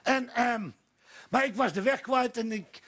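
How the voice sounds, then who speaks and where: Male stand-up storyteller at a village talk show; high, husky voice, meandering anecdotal delivery. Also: a little slow, fairly bright tone. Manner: rambling anecdotal delivery with many fillers and restarts. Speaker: guest storyteller. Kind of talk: telling jokes on stage. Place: village café talk show before a live audience.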